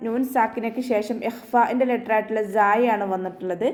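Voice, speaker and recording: A woman teaching Quran recitation in an online tajweed lesson, explaining each rule patiently and chanting the verses slowly in a higher, drawn-out voice. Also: steady tone. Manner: patient step-by-step instruction, softly ending phrases with "ട്ടോ".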